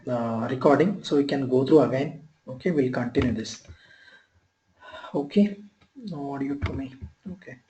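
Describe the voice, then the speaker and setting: A man's voice: on the high side, warm tone, echoey room, muffled recording. Man on a screen-recorded online class. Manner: halting, repeats himself, often checks "you are clear?". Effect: heard through a screen recording of an online class session. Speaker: software trainer. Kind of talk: live online training lecture.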